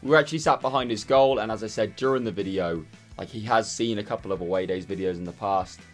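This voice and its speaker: Hoarse young man chatting to camera. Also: on the low side, quick pace, faint music behind. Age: 20s. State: hoarse, tired voice. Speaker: football vlogger. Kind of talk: casual talk to camera. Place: small furnished room indoors.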